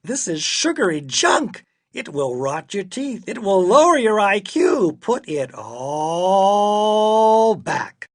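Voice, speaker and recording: A man playing an exasperated, excitable father in a children's story. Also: sits high, extremely slow, hardly any pauses, pitched above the performer's own voice. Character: exasperated, excitable father scolding his daughter.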